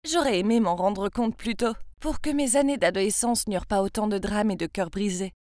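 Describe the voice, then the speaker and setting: A woman's voice: mid-range voice, a little fast, a little mellow, dry recording, studio quality. A woman in her twenties from France telling her own story in a confiding, chatty first-person narration. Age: 20s.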